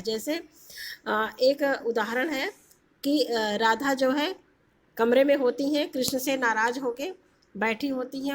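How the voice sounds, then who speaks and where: High-voiced woman teaching a lesson. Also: a little hiss or hum. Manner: explains with questions to the class, hesitant fillers. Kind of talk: explaining a lesson.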